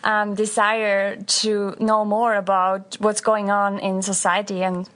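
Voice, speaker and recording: A woman, a journalism professor chatting enthusiastically as an interview guest, filling pauses with ums and laughing often. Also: mid-range voice, flat delivery, a bit bright. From Switzerland. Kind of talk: casual interview conversation.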